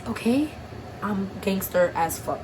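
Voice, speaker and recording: A woman's voice: mid-range voice, lively intonation, a little slow, background noise. A young woman from Harlem, vlogging through tears with a stuffy nose and a shaky voice, blunt and profane. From Harlem, New York. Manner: blunt, profane, streetwise talk. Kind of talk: emotional personal vlog.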